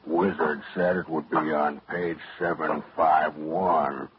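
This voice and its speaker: An actor playing a menacing, uncouth, half-inhuman giant of a man, speaking in a slow rural drawl in an old radio play. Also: extremely low pitch, level tone. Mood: insistent. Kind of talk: 1940s radio acting. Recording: dull, hissy old radio recording.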